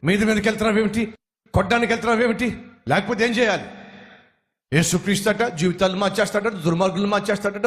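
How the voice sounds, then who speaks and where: Guy putting on a shrill angry heckler, yelling and mocking, high tight voice. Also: full character voice. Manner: shouting, threatening, mocking. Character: angry young man hostile to preachers.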